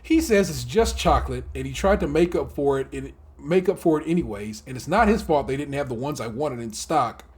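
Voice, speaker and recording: A man co-hosting a casual podcast, talking in an animated way, laughing often and swearing freely. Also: medium pitch, brisk, hardly any pauses, slightly rough. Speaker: podcast co-host.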